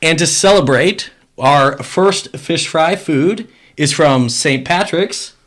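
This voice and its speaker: A man's voice: on the high side, slow pace, a bit bright. A man, a priest hosting a casual food-review show, talking in an easygoing, rambling way with many fillers. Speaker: priest and host.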